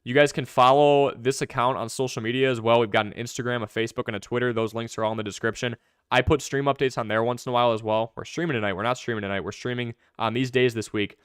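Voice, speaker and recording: A young man hosting a live fantasy football stream, answering viewer questions in quick, chatty commentary. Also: medium pitch, fairly even intonation, clean tone, dry recording, clean studio sound. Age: young adult.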